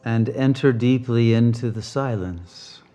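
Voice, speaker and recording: A man at medium pitch serves as the teacher for a guided meditation, speaking deliberately and calmly and allowing long pauses.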